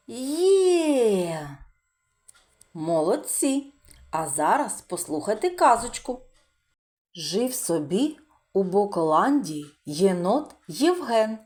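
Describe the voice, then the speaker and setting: A Ukrainian woman leads a literacy lesson for preschoolers in a mid-range, darkish, sing-song teacher's voice. She takes it slowly, stretches out sounds and gives frequent praise.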